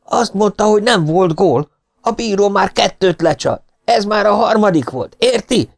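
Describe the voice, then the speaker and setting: A man doing a shrill shouting old bearded fan. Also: animated, gravelly. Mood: sly. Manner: shouting, agitated.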